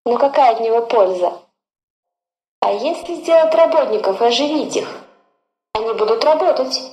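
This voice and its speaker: A woman's voice: on the high side, animated, normal speed, warm tone, echoey room, natural voice, poor audio. A woman voicing a scheming, resentful, self-important man who wants to rule, in a dramatised fairy-tale storybook telling. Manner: self-important, grumbling, theatrical. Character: Urfin Jus, scheming resentful man, vain would-be ruler of fairyland.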